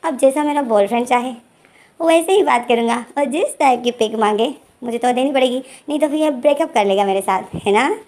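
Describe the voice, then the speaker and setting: A woman's voice: fairly high pitch, brisk, natural voice. A woman voicing an affectionate young man who reassures and teases his boyfriend in a retold romance story. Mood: teasing. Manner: gently reassuring, teasing.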